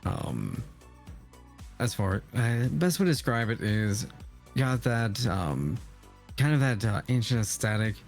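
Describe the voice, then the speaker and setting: A man with a deep, raspy voice answering in casual interview chat, halting and reserved. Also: very animated. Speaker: podcast guest, VTuber streamer. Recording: music behind the voice. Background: background music.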